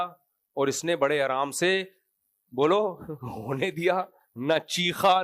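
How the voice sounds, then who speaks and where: A man who is a mufti giving Quran commentary, speaking in an animated, conversational sermon style with sarcastic asides. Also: on the high side, dry recording.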